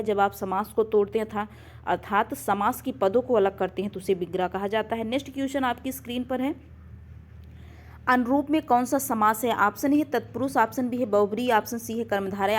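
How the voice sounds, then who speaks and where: Female teacher, slightly high voice, walks viewers through quiz answers and repeats them as questions. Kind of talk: grammar lesson going through quiz questions.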